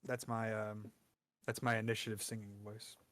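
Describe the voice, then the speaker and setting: A man's voice: on the low side, little pitch movement, moderate pace, a bit bright. A man chatting casually as a tabletop game player, informal and jokey. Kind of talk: casual chat.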